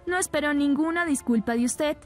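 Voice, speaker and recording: A woman's voice: high voice, a little fast, soft background music, pitched above the performer's own voice, lightly acted. A woman reading a cold young husband. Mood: guarded.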